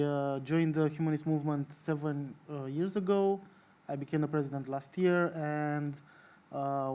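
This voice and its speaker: Halting Romanian-accented man. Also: on the high side, mellow. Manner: halting, many fillers. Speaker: president of a humanist association. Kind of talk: panel introduction.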